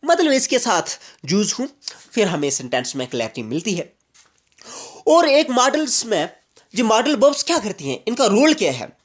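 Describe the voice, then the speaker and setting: A man from Jammu and Kashmir, a teacher giving an explanatory grammar lecture and repeating each point slowly with English examples. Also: high voice.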